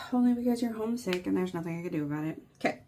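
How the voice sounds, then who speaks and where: Warm and animated, this mid-range voice moves at a quick pace with slight background noise. It belongs to a craft vlogger in her thirties who chats with viewers, telling a meandering tale peppered with "like" and "you know."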